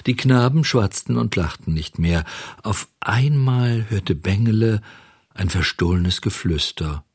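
A man reading a children's storybook aloud in a lively, expressive way. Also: on the low side, unhurried, breathy edge, no room sound, studio quality. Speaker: narrator.

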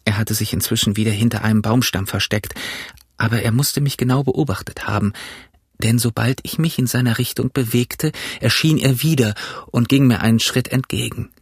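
A man narrating an adventure story in a slow, measured audiobook reading. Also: medium pitch, husky, no room sound, clean studio sound.

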